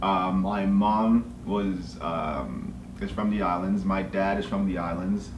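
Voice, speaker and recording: A young man from Canada co-hosting a couple's video, joking in an animated, slangy way. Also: deep voice, takes it slowly, dull audio. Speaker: co-host of a couple's channel. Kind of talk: casual chat. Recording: echoey room with faint noise.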